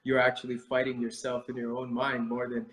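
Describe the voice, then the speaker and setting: A man's voice: medium pitch, completely flat delivery, fairly quick, a bit bright, roomy sound, poor audio. A middle-aged man from India, a martial arts instructor, speaking as an interview guest in a thoughtful way, with many fillers and restarts. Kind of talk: reflective conversational interview.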